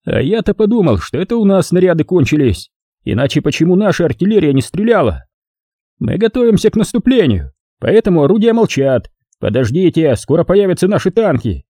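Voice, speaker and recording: A man voicing a boastful German sergeant who barks orders, raised high above his own voice. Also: big pitch swings, brisk, warm tone, no echo, studio quality. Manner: blustering, barking orders.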